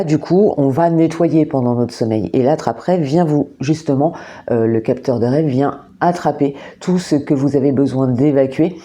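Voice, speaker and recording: A woman giving a monthly astrology card reading, talking gently and hesitantly with many repeated words and fillers, indoors under artificial light. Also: very deep voice. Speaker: tarot and oracle card reader.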